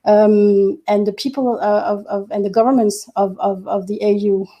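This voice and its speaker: A woman from Senegal speaking as an activist on a panel, earnest and measured, pausing often with fillers. Her voice is mellow and dark, and her pitch stays flat. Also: lo-fi sound. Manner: earnest, measured, many hesitations. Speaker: activist guest. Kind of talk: panel discussion.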